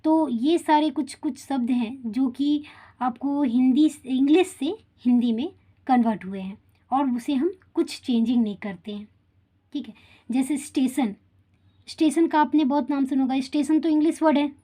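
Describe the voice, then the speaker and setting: Woman teacher, lesson to schoolchildren; high, soft-toned voice, checks in with the class as she explains. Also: normal speed. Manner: addresses children directly, checks in with tag questions. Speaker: Hindi teacher.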